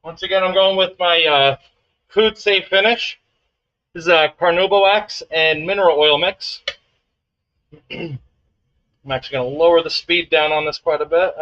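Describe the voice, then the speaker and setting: A man's voice: on the high side, no room sound. Man narrating at the lathe, dull lo-fi sound. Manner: relaxed, halting, talks while working. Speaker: woodturner streaming a demonstration. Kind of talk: casual live-stream commentary. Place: workshop.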